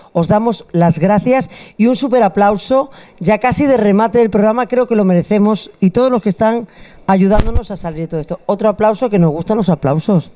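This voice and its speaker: Holding a mic in a bar stocked with wine shelves, the middle-aged host of a food show keeps things chatty and full of jokes. She has a warm, mid-range voice.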